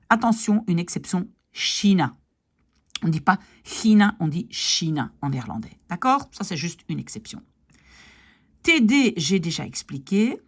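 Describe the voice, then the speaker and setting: A woman's voice: fairly low pitch, breathy edge. A woman teaching pronunciation, patiently repeating example words one by one and often checking that her students follow. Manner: asks "d'accord?" and "ok?" to check understanding. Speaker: language teacher. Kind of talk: pronunciation lesson.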